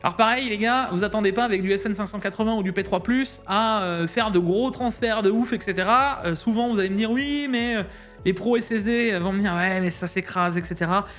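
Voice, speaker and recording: A man's voice: high voice, brisk, a bit bright, soft background music. A man from Alsace giving a casual, slangy rundown of tech deals to his viewers, laughing often. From Alsace, France.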